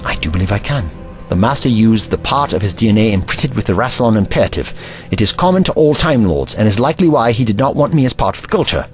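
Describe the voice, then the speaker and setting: A man's voice: on the low side, big pitch swings, fast, soft background music. A man playing a clever, earnest alien Time Lord hero in an audio drama, with precise, theatrical, formal diction. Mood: confident.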